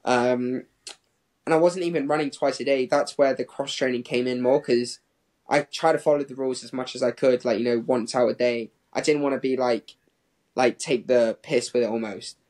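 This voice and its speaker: This interview guest, a pro distance runner in his twenties who grew up in Hong Kong and England, speaks in a mid-range, darkish voice with a steady tone and moderate pace. His talk is casual and rambling, scattered with "like."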